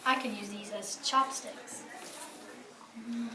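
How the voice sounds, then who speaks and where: A woman's voice: a little high, moderate pace. Playful female voice in an echoey room. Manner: playful, adds sound effects. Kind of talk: quick improvised answers. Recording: echoey room, distant mic, noisy.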